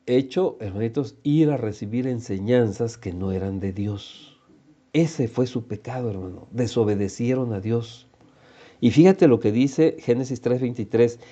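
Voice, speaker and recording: Mexican male preacher, slow and mellow, teaching a congregation in a dull lo-fi recording. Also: fairly low pitch. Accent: Mexican Spanish. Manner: unhurried teaching, addresses listeners as little brothers; reads scripture aloud and asks rhetorical questions. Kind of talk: sermon.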